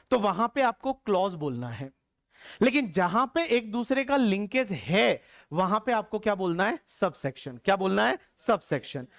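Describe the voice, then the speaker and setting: A man's voice: sits high, no room sound, studio quality. A man teaching tax law in a classroom lecture, colloquial and explanatory, who quizzes the class and repeats the answers aloud.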